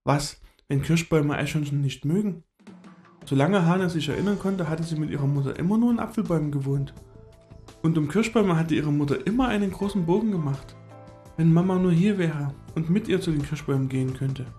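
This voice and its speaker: A man gently narrating a children's story in an expressive storytelling manner. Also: fairly high pitch, a little fast, soft background music.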